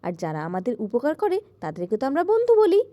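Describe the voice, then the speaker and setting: A woman teacher explains an English lesson for young children, reading English lines slowly and asking quiz questions. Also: sits high, huge pitch swings, dark tone, muffled recording.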